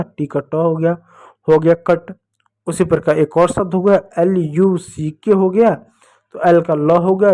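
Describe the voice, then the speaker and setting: A man's voice: high-pitched, mellow. A man teaching English phonics to children, patiently repeating each step with questions. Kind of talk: blackboard phonics lesson for children.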